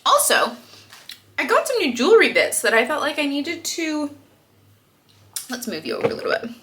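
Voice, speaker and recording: A woman's voice: sits high, wildly swooping pitch, moderate pace, fairly bright tone, echoey room. Chatty, giggly young woman vlogging. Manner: chatty, giggly, rambling with many "like"s and "um"s. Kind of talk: casual chat to camera. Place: home kitchen.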